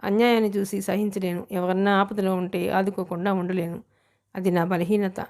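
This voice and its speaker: A woman narrator reading the part of a calm, principled young man who speaks steadily and reassures. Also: mid-range voice, normal speed, lightly acted. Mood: earnest.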